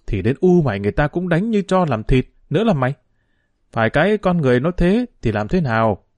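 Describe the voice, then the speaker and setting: Man doing a gruff older sugarcane seller woman. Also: fairly high pitch, sing-song, darkish tone, no room sound. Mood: scolding. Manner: scolding, quick.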